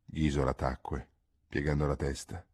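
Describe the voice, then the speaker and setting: A man narrating a classic novel as an audiobook reader, in an expressive, dramatic reading style. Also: extremely low pitch, normal speed, breathy edge.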